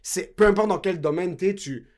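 A man's voice: sits high, moderate pace, crowd noise. A young man with a Québécois French accent, co-hosting a casual chat and loosely mixing in English slang.

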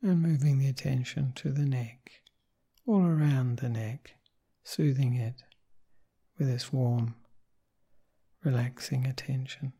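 A man guides a meditation very slowly and gently. His voice is soft and dark, with a gravelly, breathy grain. He gives short soothing instructions and lets each one settle before the next. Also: medium pitch, steady tone. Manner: gentle, unhurried, pausing between short phrases. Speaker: meditation teacher leading a guided meditation.

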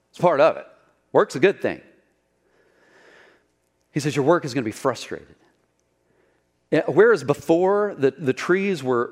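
A man preaching a sermon in a conversational way, with asides to the congregation and rhetorical questions. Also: on the high side. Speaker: pastor.

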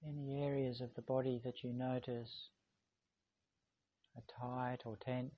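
A man speaking calm, slow, soothing instructions as he guides a meditation. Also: mid-range voice, highs cut off.

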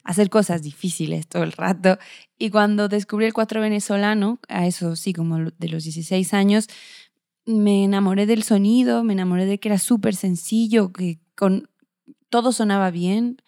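A woman musician answering interview questions in a thoughtful, searching way, pausing softly as she gathers her words. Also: mid-range voice, steady tone, dry recording, clean studio sound. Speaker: musician guest.

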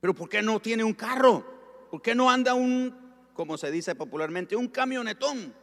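A man voicing a surprised male church member who questions him in a high, loud, incredulous tone. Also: steady tone, fairly quick, in a large hall, natural voice.

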